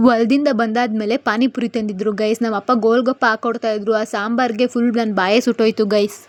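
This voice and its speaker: A woman's voice: on the high side, fairly even intonation, quick pace, darkish tone, soft background music. A young woman narrating her daily vlog in a chatty way, often turning to her viewers. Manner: chatty, keeps addressing viewers as guys. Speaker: vlogger.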